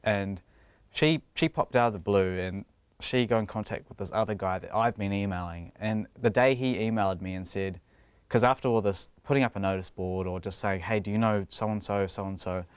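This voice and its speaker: In a dry recording free of room echo, a young man with a New Zealand accent speaks at a moderate pace during a casual interview. He laughs a lot and often restarts what he's saying, his smooth, clear voice sitting a bit low.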